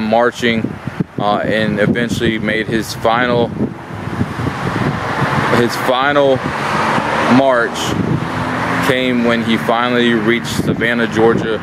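A man in his thirties talks into a phone held at arm's length as he walks a roadside battlefield, with loud traffic and wind rushing behind him. His voice sits in a middling register with a flat, even delivery, and he stumbles along with plenty of "uh" and "um." It comes across as casual, unscripted history talk. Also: lowish voice. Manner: halting, many "uh" and "um" fillers, talking while walking. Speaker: history vlogger. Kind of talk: casual on-site explanation. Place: outdoors at a roadside battlefield site. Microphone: phone camera held at arm's length.

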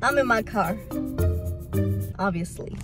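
A woman's voice: fairly high pitch, expressive, slow, over loud music. A nineteen-year-old woman filming a casual, slangy vlog on a phone held at arm's length inside a car, laughing often. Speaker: vlogger. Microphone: phone camera held at arm's length.

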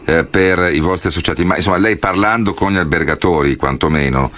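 A man's voice: deep voice, fairly quick. A male radio host putting long, winding questions with many asides to a guest. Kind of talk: radio interview. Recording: dull lo-fi radio broadcast.

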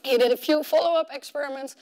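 A keynote speaker at a tech conference, wearing a clip-on collar mic, walks the audience through research studies from the front of the room. Her high, animated voice is fast and conversational, and she acts out imagined objections, though the audio quality is poor.

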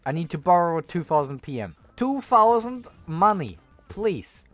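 Playful young man with wide-swinging pitch over music. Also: sing-song, unhurried, a bit bright, no room sound. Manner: giggly, playful, often repeating words. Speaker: gamer streamer. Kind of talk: casual gameplay commentary, bantering with other players. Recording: music in the background.

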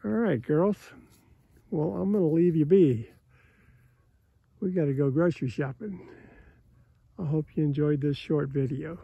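Behind his handheld phone in an open pasture, a plain-spoken American cattle farmer casually describes his chores in a folksy manner. His fairly high, husky voice has vocal fry, a measured pace, and long pauses, and the recording is dry with phone-quality sound.

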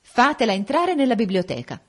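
A woman's voice: fairly low pitch, animated, fairly quick, darkish tone. A woman reading an audiobook voicing a haughty, commanding young noblewoman. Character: imperious proud young noblewoman.

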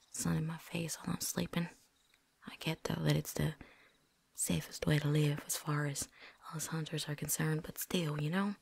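A woman's voice: lowish voice, gravelly, breathy edge, exaggerated voice. A woman voicing a chatty, folksy veteran vampire hunter with a put-on drawl and casual slang, talking around something in her mouth, in a whispered role-play.

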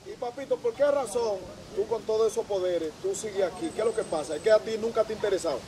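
A man's voice: sits high, fast talker, crowd noise. A man interviewing a guest outdoors, eager and promotional. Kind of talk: casual interview.

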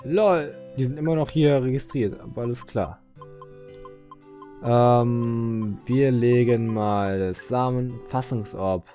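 A man's voice: medium pitch, takes it slowly, warm tone, faint music behind. A man casually commentating as he plays a video game, joking, mumbling and chatting to the screen. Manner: goofy, chatty, talks to the game. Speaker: let's player.

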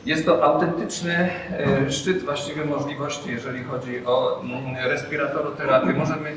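A man's voice: a little high, fairly even intonation, normal speed. A middle-aged man, a hospital representative, gives a hesitant press speech through a surgical mask, with many filler sounds. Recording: echoey room, far from mic, audible background noise.

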